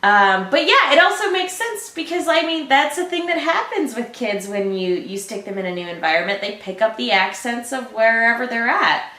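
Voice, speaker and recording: Bright animated woman cohost, laughs a lot, echoey. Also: on the high side, moderate pace. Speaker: reaction channel co-host. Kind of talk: casual chat.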